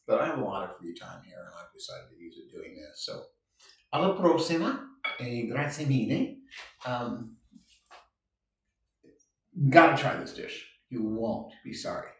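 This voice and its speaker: Man, home cook, casual chatty demo, thinks out loud, voice far from the mic, very roomy echo, faint background hiss. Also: mid-range voice, gravelly. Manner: chatty, thinks aloud, corrects himself. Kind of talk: casual cooking demonstration. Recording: very echoey room, mic far off.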